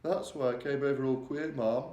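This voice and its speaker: A man's voice: mid-range voice, fairly even intonation, moderate pace, warm tone, dull audio, voice pushed up, close to an everyday voice. A man voicing an oldish, deferential maid who speaks politely and with a quivering voice. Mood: nervous, shaken. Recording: roomy echo.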